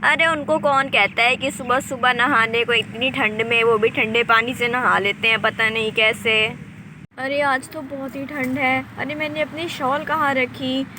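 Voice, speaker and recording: A woman's voice: high-pitched, fairly even intonation, unhurried. A woman playing a complaining village mother. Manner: complaining chatter. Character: middle-aged village mother, fussing. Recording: noisy home recording.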